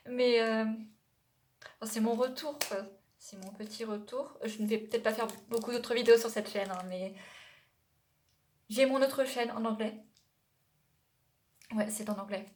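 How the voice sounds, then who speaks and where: A woman's voice: a little high, fairly even intonation, a little slow, long pauses, slight background noise. A young adult woman from France talking casually to her vlog audience, rambling and digressing with many hesitations and self-corrections. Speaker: YouTuber. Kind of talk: casual vlog chat to camera.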